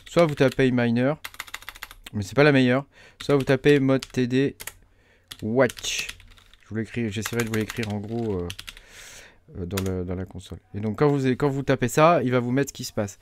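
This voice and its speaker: A man talking through a software setup tutorial, hesitant with many fillers as he clicks along. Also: mid-range voice, moderate pace, pauses often, a little hiss or hum. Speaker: crypto mining tutorial host. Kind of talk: casual screen-recorded tutorial.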